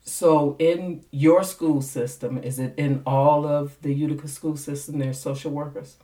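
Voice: mid-range voice, fairly even intonation, measured pace, dark tone. An interview host asking rambling questions full of fillers and restarts, in casual conversation. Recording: voice distant from the mic.

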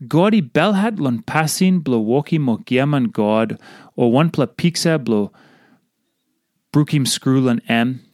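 A man's voice: mid-range voice, lively intonation, measured pace, a little mellow, no room sound. Man giving a dry, close-sounding devotional talk. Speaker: devotional speaker. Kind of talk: devotional talk, scripture reading and exposition.

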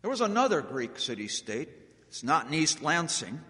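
An American man telling history as a public speaker, deliberate and dramatic, with emphatic pauses. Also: fairly high pitch, big pitch swings, sharp tone. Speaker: speaker giving a historical talk to an audience. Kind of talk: public storytelling speech on history. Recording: echoey hall with long reverb.

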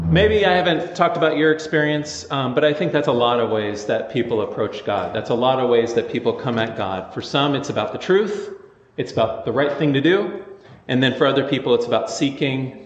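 A man preaching a sermon as pastor, conversational and animated in his storytelling. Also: medium pitch, a little fast, reverberant, big-room sound, highs cut off.

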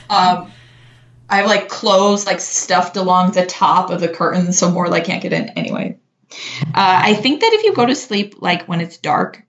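Low-voiced woman giving casual advice. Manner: relaxed, chatty, many fillers. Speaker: podcast co-host answering listener questions. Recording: dull lo-fi sound.

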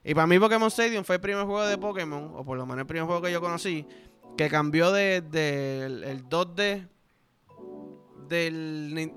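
A man in his thirties with a Puerto Rican accent, hosting a podcast and telling crude jokes in casual solo chat. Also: a little high. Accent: Puerto Rican Spanish. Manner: crude, joking, animated storytelling. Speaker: podcast host.

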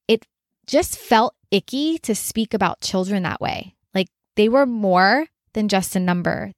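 A woman's voice: medium pitch, dry recording. Earnest woman business coach, dry close sound. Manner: earnest, conversational, frequent "like" fillers. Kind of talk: solo podcast monologue.

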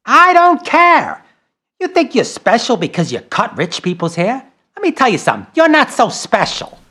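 A woman doing a sharp-tongued single mom from New in a comic radio play. She talks bluntly and picks fights, and her voice rises and falls in lively sweeps. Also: on the high side, moderate pace, breathy edge, exaggerated voice. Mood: angry. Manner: blunt, confrontational. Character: anxious, angry single mother, blunt and combative. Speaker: actor. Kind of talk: comedic audio drama acting.

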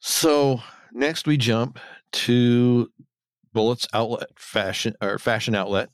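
A man's voice: medium pitch, takes it slowly, clean tone, dry recording. A man co-hosting a podcast, recapping a TV episode scene by scene in a casual chat. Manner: retells scenes, acting out quotes. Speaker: podcast co-host.

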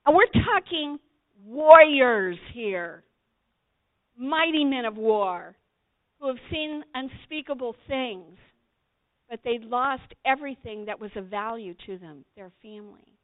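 A woman preaching a sermon, retelling a Bible story in an animated way, acting out quotes and talking directly to her listeners. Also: a little high, slow. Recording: tinny phone-like audio.

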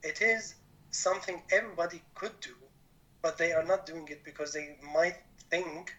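Syrian-born guy on a podcast, earnest, keeps rephrasing, bright kinda higher voice. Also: fairly even intonation, normal speed, lo-fi sound. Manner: earnest, rephrases often in non-native English. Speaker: podcast guest. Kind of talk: conversational interview.

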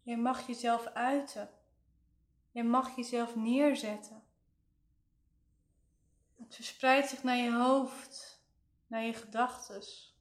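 A woman leading a guided relaxation meditation in a soothing, gentle way, leaving long pauses. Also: on the high side, steady tone. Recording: roomy, echoing voice recording.

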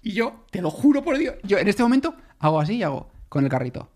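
A man's voice: sits high, big pitch swings, fast talker, darkish tone. A man co-hosts a podcast in easy, casual conversation. He tells his stories with animation, slipping into the voices of the people he quotes. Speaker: podcast co-host. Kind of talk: casual chat.

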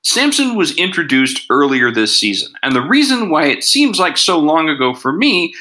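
A man's voice: on the high side, big pitch swings, normal speed, sharp tone, low-quality recording. A man hosting a casual podcast reviewing TV episodes, chatty and sarcastic, with lots of asides. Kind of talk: casual chat.

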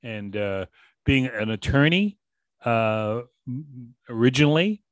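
A man's voice: medium pitch, lively intonation, no echo. Rambling male interview host, dry sound. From Boston, USA. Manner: rambling, halting questions with many restarts. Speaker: radio host.

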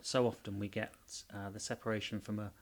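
A man, a heating engineer, talking casually in an interview, hesitant with many pauses and restarts. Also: lowish voice, little pitch movement.

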